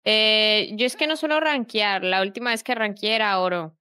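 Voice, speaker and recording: A woman in her early twenties with a Mexican accent, chatting in a relaxed, easygoing way while playing a game on stream. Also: mid-range voice, moderate pace, clean tone, dry recording. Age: early 20s. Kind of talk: casual chat while gaming.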